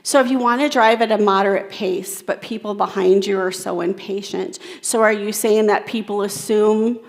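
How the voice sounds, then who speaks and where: Gravelly-voiced woman giving an engaging keynote. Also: medium pitch, steady tone, normal speed. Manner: engaging, repeats audience comments back. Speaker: keynote speaker. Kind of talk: interactive talk with audience.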